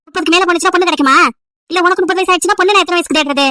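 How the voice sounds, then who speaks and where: A woman's voice: very high voice, racing, sharp tone, dry recording, studio quality. A woman voicing a nagging, emotional old village grandmother over 70 who scolds and pleads at length. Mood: pleading. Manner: scolding, pleading, wailing complaints.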